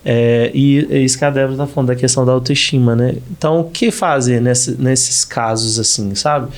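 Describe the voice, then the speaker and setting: Brief: Brazilian man, podcast host, mid-pitched, conversational, stumbling restarts. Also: steady tone, a little fast. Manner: hesitant, many restarts.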